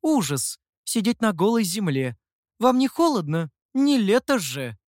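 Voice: mid-range voice, very animated, measured pace, no echo, studio quality, pitched above the performer's own voice. A reader voicing a sly, teasing female fox demoness in an audiobook, speaking in a mocking, playful way. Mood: fussy. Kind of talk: audiobook character voice.

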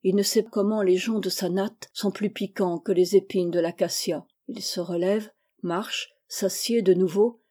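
A woman narrating a classic novel as an audiobook reader, measured and expressive. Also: mid-range voice.

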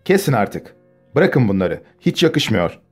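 A man's voice: mid-range voice, big pitch swings, unhurried, breathy edge, soft background music. A man voicing an arrogant, sneering young man in an audiobook, condescending and bossy.

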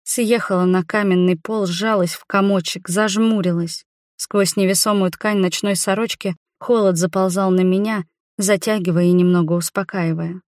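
A woman narrating a novel in the first person with an expressive, emotional reading. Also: medium pitch, normal speed, no room sound, studio quality. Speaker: audiobook narrator.

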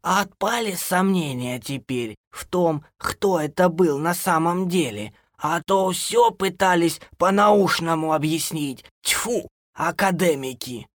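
A man reading an audiobook, voicing a bossy old grandmother who scolds in a loud, folksy way. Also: a little high, takes it slowly, hardly any pauses, dry recording, clean studio sound, pitched above the performer's own voice. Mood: scolding. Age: older. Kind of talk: audiobook character voice.

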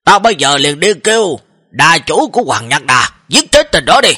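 A man's voice: a little high, very animated, normal speed, pushed and bright, husky, no room sound, studio quality, exaggerated voice. Man doing a fawning, flustered deputy leader. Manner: stammering, eager.

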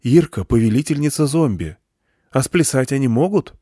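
A man's voice: mid-range voice, lively intonation, moderate pace, mellow, no room sound, studio quality, pitched above the performer's own voice, natural voice. A man voicing a simple-hearted young man who talks in a blunt, stubborn way.

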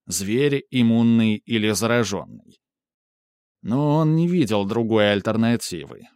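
A man narrating an audiobook in a steady, measured reading. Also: on the low side, clean tone, no echo. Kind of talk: scripted narration.

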